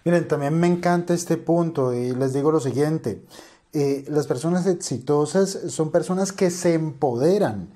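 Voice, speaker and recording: A man's voice: a little high, moderate pace, mellow, soft background music. A man, an investor, reacting to a video with earnest, motivational commentary and speaking directly to his viewers.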